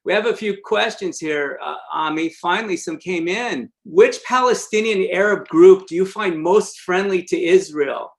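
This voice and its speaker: A man's voice: high voice, normal speed, hardly any pauses. A man hosting a webinar interview, chatting and reading out audience questions. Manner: conversational, reads audience questions. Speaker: webinar host.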